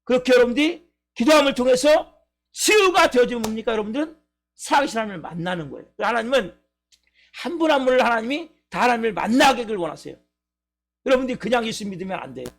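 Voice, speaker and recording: A man's voice: extremely high pitch, lively intonation, fast, creaky, fairly bright tone. A male pastor preaching a live church sermon, emphatic and full of rhetorical questions to the congregation. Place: church service.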